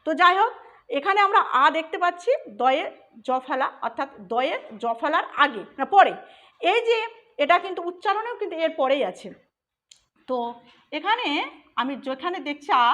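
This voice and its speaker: A woman's voice: high-pitched, sing-song, moderate pace, pauses often, fairly bright tone. A woman teaching a grammar lesson for an exam, explaining step by step and asking and answering her own questions.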